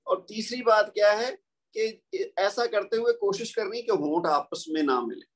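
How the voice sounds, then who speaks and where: A man with a Pakistani Urdu accent gives a patient, step-by-step recorded lesson in a slightly raised voice. He stops often to recite the examples slowly and carefully, keeping a plain, steady teaching manner. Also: high voice.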